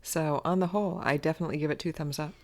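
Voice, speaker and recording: Gravelly-voiced podcast co-host. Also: medium pitch, fairly even intonation, rapid-fire, a little mellow. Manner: chatty, many "like" fillers, laughs along. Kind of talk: casual review chat.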